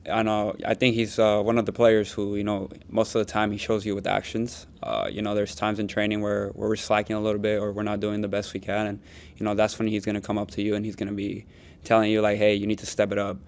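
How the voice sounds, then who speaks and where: Gravelly low-voiced young man. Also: monotone, fast. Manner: casual, plain phrasing with fillers. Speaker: soccer forward at press conference. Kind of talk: press conference answers.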